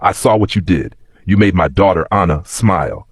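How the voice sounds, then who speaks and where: A man voicing a kind, gentle, wealthy father who speaks calmly and reassuringly in a storybook narration. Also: deep voice, normal speed, breathy edge, dry recording, clean studio sound, exaggerated voice. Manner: calm, soft-spoken and reassuring.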